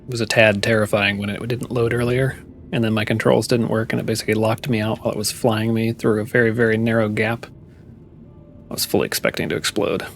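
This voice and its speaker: A man's voice: lowish voice, little pitch movement, fast, vocal fry, faint music behind. A man chatting casually to his viewers while playing a game live, musing aloud as he goes. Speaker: streamer. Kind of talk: casual gameplay commentary.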